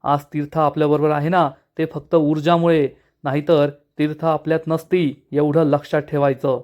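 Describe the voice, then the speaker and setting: A man's voice: on the high side, little pitch movement, moderate pace, dull audio, lightly acted. A man reading the lines of an earnest young man firmly defending his wife to his mother.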